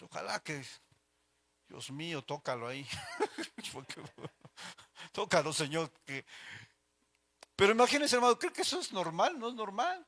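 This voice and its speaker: A man's voice: high-pitched, sing-song, a little slow, long pauses, a bit bright. A middle-aged man with a Mexican accent teaching an informal church Bible class, chatty and anecdotal, addressing listeners as brothers.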